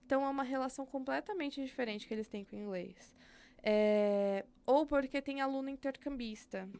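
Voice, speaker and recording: High-voiced and fairly quick, this young adult woman sounds a little mellow, with a clear, resonant tone. With a Brazilian Portuguese accent, she speaks frankly as a guest on a podcast about working as an educator. The interview is informal, and she thinks on her feet, leaning on fillers.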